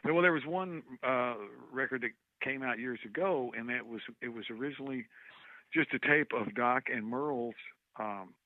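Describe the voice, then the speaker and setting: A man's voice: mid-range voice, normal speed, no echo. Chatty man on a tinny phone line. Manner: rambling, animated storyteller, loses track of names. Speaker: guest musician on a call. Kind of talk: casual phone chat.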